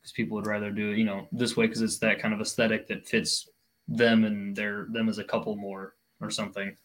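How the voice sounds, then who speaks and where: A man's voice: fairly low pitch, level tone, a little fast, fairly bright tone, rough recording. A man in his early twenties, a podcast guest, talking hesitantly and hedging with "like" and "I guess.". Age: 20s. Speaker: podcast guest, finance intern. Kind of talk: casual podcast chat.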